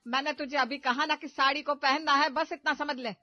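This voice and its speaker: A woman voicing a bossy, sharp-tongued middle-aged mother-in-law who scolds loudly and impatiently in a cartoon story. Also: on the high side, moderate pace, no room sound, close to an everyday voice. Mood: scolding. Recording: slightly dull audio with background music.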